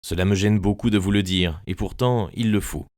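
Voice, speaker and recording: A hypnotized young woman, voiced by a man begs and falters, anxious and hesitant. His voice stays deep, and the audiobook sound is dry and close. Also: moderate pace, a little mellow, dry recording, close to an everyday voice. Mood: anxious pleading. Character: troubled wealthy young woman, hypnotized, pleading.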